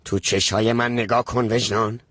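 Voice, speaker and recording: A man playing a scheming uncle, husky voice. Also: on the low side, flat delivery, a bit bright, no room sound. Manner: pushy, rambling, scheming. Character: scheming, desperate middle-aged man. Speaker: uncle in debt chasing an inheritance. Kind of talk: dubbed TV drama.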